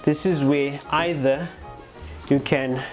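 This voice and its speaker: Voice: mid-range voice, steady tone, slow. A chatty vlogger of unclear sex giving a casual how-to explanation and speaking directly to viewers. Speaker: motovlogger presenting a gear tutorial. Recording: music playing behind the voice. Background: background music.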